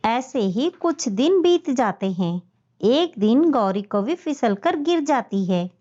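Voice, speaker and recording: A woman's voice: fairly high pitch, sing-song, slow pace, mellow. A woman storyteller reading scripted narration for a children's tale. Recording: dull lo-fi audio.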